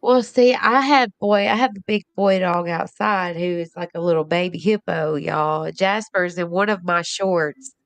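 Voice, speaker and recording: A woman's voice: on the low side, measured pace, hardly any pauses, dry recording. A woman hosting a casual live stream, chatting in a rambling way and laughing often. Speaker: livestream host.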